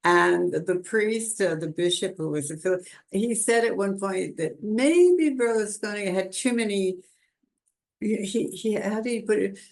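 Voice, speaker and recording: A webinar panelist on a video call speaks in a medium-pitched, creaky voice at an unhurried pace, picked up by a computer mic. The conversational panel discussion finds this speaker chatty and rambling, laughing often and restarting sentences.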